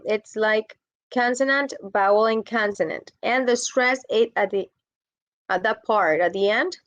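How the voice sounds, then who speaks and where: A woman with a mid-range voice patiently teaches English grammar in a bilingual lesson, explaining in Spanish and repeating in English. The recording is dry and the audio dull.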